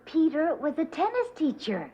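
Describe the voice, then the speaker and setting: An actress playing a flighty, self-absorbed wealthy wife with an airy, theatrical manner. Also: female voice, sits high, huge pitch swings, moderate pace, mellow, lo-fi sound, a little hiss or hum. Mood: dramatic. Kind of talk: 1970s sitcom acting.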